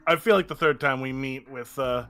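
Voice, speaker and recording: A man playing a tabletop game in character, excitable and given to loud exclamations. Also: medium pitch, brisk, smooth, soft background music. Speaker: player.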